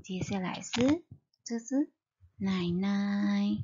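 A Malaysian woman teacher spelling out syllables slowly for young children in a reading lesson. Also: medium pitch, warm tone, highs cut off, slight background noise. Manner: slow, drawn-out spelling of letters and syllables. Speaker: primary school teacher.

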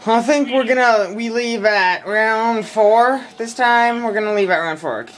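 A man's voice: high voice, a little slow, a bit bright, a little hiss or hum. A man in casual chat while playing a zombie shooter with a friend, joking and swearing. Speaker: gamer.

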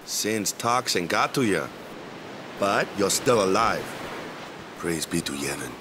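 Wakka, a lively team captain. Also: male voice, deep voice, takes it slowly, noisy background. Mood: earnest, reflective. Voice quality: casual, clipped phrasing with tag questions. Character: friendly brawny male island ball-team captain, easygoing, devout. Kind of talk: video game cutscene dialogue. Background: music.

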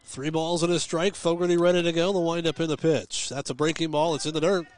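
A man calling live high school baseball on the radio from a ballpark press box, giving steady pitch-by-pitch calls with chatty, folksy asides. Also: brisk. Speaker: play-by-play radio announcer. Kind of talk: live radio sports commentary.

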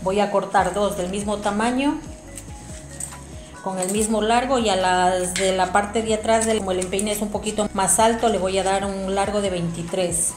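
In a small room at home, a woman gives an informal, hands-on craft tutorial, walking viewers through each step. Her mid-range voice is steady and darkish at a normal speed. The audio has roomy echo with music behind.

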